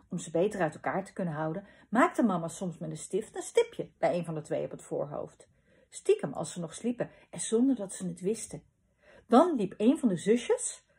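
Husky woman reading a children's story. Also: mid-range voice. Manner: lively, expressive reading.

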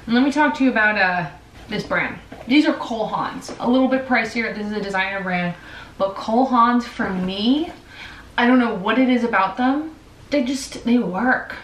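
A woman's voice: a little high, moderate pace, a little hiss or hum. A woman in her twenties chatting casually and upbeat in a bedroom vlog. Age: 20s. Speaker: vlogger. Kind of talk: casual chat. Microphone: far camera. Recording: roomy, from a distance.

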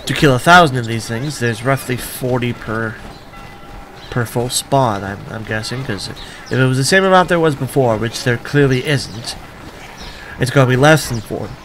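Casual gamer commentary, wry offhand man, mid-pitched, faint background hiss. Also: normal speed, fairly bright tone. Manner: wry, offhand, muttering asides. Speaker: let's play gamer.

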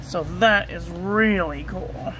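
Bright-voiced woman reviewing inks. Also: on the low side, slow pace, slight background noise, rough recording. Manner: steady, repetitive checklist delivery; enthusiastic over ink colors. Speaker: ink and paper reviewer. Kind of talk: casual product review voice-over.

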